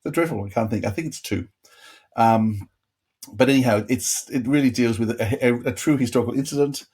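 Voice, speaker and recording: A podcast co-host reviews audio dramas in casual, rambling chat, frequently cutting himself off. His voice is medium in pitch, brisk, slightly mellow and husky.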